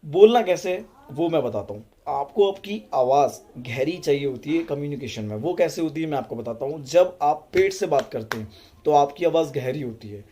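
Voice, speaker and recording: A man giving communication tips to his video audience in a calm, unhurried, deliberate way. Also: a little high. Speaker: YouTube self-help creator. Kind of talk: casual advice talk to camera.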